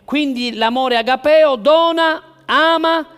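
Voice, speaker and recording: Male pastor, high-pitched, unhurried delivery, passionate sermon with loud and hushed swings. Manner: impassioned, rhetorical questions, swings from loud to hushed.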